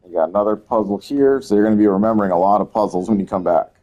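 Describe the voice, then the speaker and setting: Deep mellow-voiced man playing a game. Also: racing. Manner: relaxed, wry, swears casually. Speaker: gameplay streamer. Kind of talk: casual let's-play commentary.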